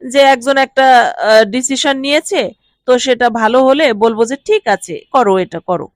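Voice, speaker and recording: A woman with a Bengali accent teaching a language lesson, saying each phrase slowly twice and then explaining its meaning. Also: high voice, expressive, no room sound.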